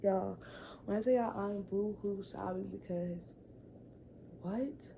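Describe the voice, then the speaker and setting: A woman's voice: medium pitch, slow pace, creaky, dark tone, slight background noise, poor audio. A young woman telling a casual storytime vlog story, chatty, full of fillers and repeated words. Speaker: vlogger.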